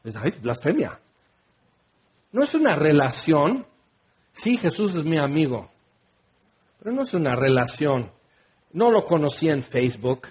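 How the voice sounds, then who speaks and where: A man preaching a sermon with animated delivery, acting out quoted voices and shouting exclamations. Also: on the high side, measured pace, long pauses, highs cut off.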